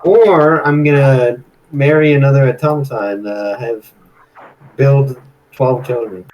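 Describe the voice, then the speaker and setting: A man's voice: medium pitch, unhurried, a little mellow, poor audio. A man playing a tabletop game, chatting casually in a hesitant, musing way. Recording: clear background ambient noise.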